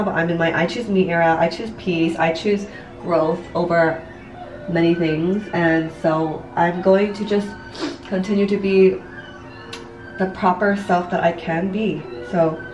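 A mid-range voice belongs to this late-twenties vlogger and online business coach, chatting candidly to viewers while doing makeup in her home bathroom. Her confessional talk wanders a little, with frequent "like" and "you know" and the odd curse. The distant camera mic, a step or two away, records plenty of room echo.

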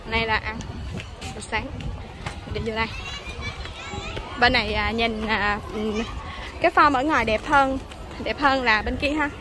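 A travel vlogger with a fairly high, fairly even voice chats casually while walking around a hotel breakfast buffet, using plenty of fillers. She speaks at a measured pace with frequent pauses. Loud background music sits under her voice, along with other background noise.

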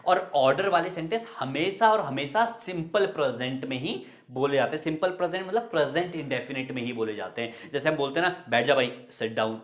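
A man's voice: on the high side, animated, fairly quick, few pauses. A young man teaching English grammar in casual spoken Hindi, chatty, asking and answering his own questions.

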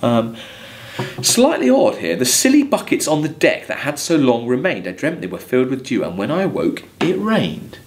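Speaking at a normal speed with big pitch swings, a man in his thirties with a mid-range voice and an English accent lectures on literature. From a desk in a small plain room, he reads verse and explains it in hesitant, exploratory language.

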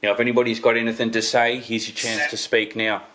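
Talking fast in a mid-range voice with little pitch movement, a thirtysomething ghost hunter films his vlog live in an abandoned, empty house and calls out to any spirits there. Clicks and noise come through the handheld camera's audio.

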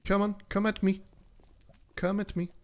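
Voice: medium pitch, level tone, normal speed. A game streamer giving casual, chatty commentary to viewers while playing, laughing often.

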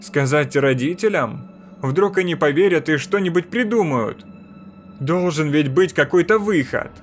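Male horror narrator, measured storytelling delivery, slightly high voice over faint background music.

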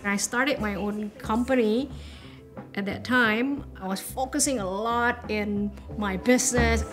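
A woman's voice: a little high, a little slow. Candid woman from Indonesia. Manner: candid, thoughtful, steady. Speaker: entrepreneur and impact investor. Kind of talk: documentary interview. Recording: clean documentary audio with music underneath. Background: soft background music.

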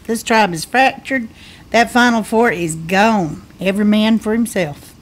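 Female co-host, mid pitch, playful bantering recap chat. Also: measured pace. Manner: playful, bantering, rambling explanations. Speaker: podcast co-host.

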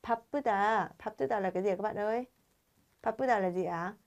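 A woman's voice: medium pitch, very fast. A woman teaching a Korean grammar lesson to learners, constantly quizzing viewers with rhetorical questions.

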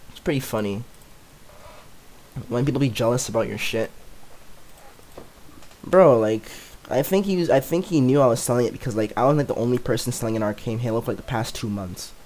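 A man's voice: mid-range voice, darkish tone, a little hiss or hum, rough recording. A young man giving casual gameplay commentary for his channel, rambling with "like" everywhere and chuckling often. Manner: filler-heavy rambling, "like" everywhere. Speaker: gaming YouTuber.

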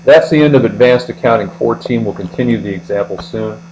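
A medium-pitched American man, an accounting tutor, moves fairly quickly through a methodical, step-by-step explanatory lecture. He narrates a screen recording indoors. Audio is poor, with a mains hum steady throughout.

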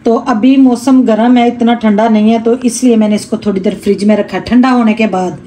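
A woman's voice: fairly high pitch, fairly even intonation, a little fast, mellow, a little hiss or hum, low-quality recording. A middle-aged woman chatting homely to her viewers as she cooks in her home kitchen, filmed on a phone camera. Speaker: cooking vlogger. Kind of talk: casual cooking vlog narration.

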